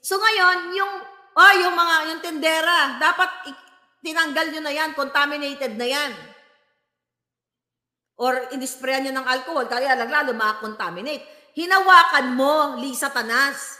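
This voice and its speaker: A woman's voice: high voice, fairly even intonation, a little slow, long pauses, bright, forceful tone. A woman from the Visayas, scolding and mocking in a commentary rant over a video clip. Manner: mocking, scolding, swaps between Tagalog and English. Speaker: political commentary vlogger. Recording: echoey room with long reverb.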